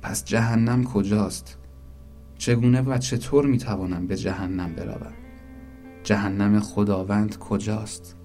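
A man voicing Little Zoraq, a small, stubborn soul who pleads loudly and insistently. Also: lowish voice, fairly even intonation, faint music behind, lightly acted. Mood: quiet, wondering.

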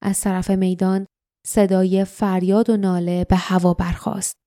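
A woman's voice: mid-range voice, flat delivery, warm tone, dry recording, clean studio sound. Woman narrating a fantasy audiobook.

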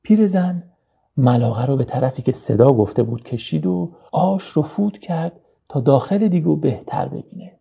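A man narrating a children's storybook in a slow, gentle storytelling manner. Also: fairly high pitch, animated, creaky, husky. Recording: dull lo-fi recording.

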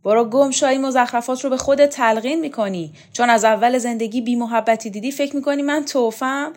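A woman's voice: fairly high pitch, animated, voice pushed up, lightly acted. A woman doing a brash, scornful, commanding woman. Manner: loud, harsh, dismissive.

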